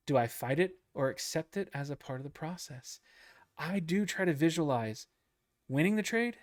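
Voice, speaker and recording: A man casually coaching traders through a book chapter, repeating points and checking in with "okay?" and a goofy, self-deprecating streak. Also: mid-range voice. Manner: chatty, repeats himself, lots of "okay?" and "right?". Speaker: trading coach.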